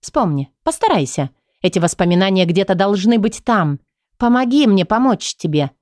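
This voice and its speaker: A woman voicing a calm, insistent psychologist. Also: medium pitch, normal speed, dry recording, studio quality, natural voice.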